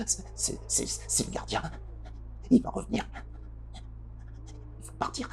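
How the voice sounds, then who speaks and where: A man's voice: lowish voice, lively intonation, normal speed, creaky, a little hiss or hum. A man voicing a small frightened kobold in a tabletop game, stammering and half-whispering. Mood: frightened, hushed. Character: small panicked kobold, furtive and pleading.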